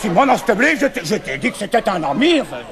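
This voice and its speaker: A man's voice: sits high, sing-song, quick pace, creaky, crowd noise. A man with a Brussels accent in a comic sketch, emphatically reciting verse in praise of his accent. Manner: emphatic, proud. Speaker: comic performer.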